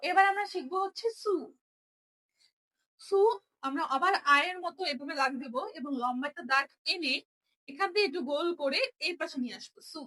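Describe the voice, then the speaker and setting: A woman's voice: sits high, brisk, pushed and bright. A young woman teaching a Japanese writing lesson, explaining each stroke patiently and repeating every sound.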